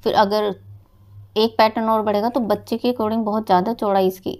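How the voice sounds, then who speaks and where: A woman's voice: mid-range voice, fairly even intonation, a little fast, darkish tone. A woman patiently giving a step-by-step knitting tutorial, explaining each stitch and speaking directly to her viewers as friends. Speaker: knitting teacher.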